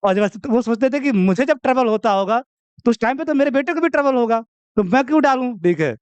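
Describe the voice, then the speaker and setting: Chatty high-voiced teacher. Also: male voice, lively intonation, fast talker, clear, resonant tone, dry recording. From India. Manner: chatty, teasing, keeps saying "okay". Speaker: maths teacher. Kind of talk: classroom lecture.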